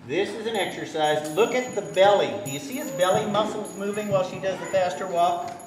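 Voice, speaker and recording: A man leads a riding clinic, pointing things out as a horse moves and firing questions at his audience. His fairly high voice comes from far off in a very reverberant arena. Hoofbeats and steady noise sit clearly underneath. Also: brisk. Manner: instructive, keeps quizzing the audience with questions. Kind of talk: live teaching commentary at a riding clinic. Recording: echoey, distant, noisy arena sound.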